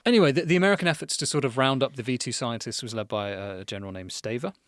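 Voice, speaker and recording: A man co-hosting a casual history podcast, racing through a story in an animated way with frequent laughs. His pitch sits in the middle range. The recording is dry and close. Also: racing, dry recording. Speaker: podcast co-host.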